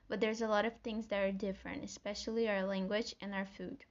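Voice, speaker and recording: On lo-fi audio, a young adult podcast host from Brazil talks through her scripted solo show with a Brazilian Portuguese accent, sincere and friendly as if reading notes. Her medium-pitched voice keeps a level tone and a brisk pace.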